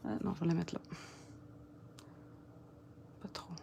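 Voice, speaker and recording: A woman's voice: fairly low pitch, fairly even intonation, unhurried, gravelly, warm tone, highs cut off, a little hiss or hum. A woman with a Quebec French accent giving a casual crafting tutorial, chatting and muttering to herself as she works. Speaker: papercraft demonstrator.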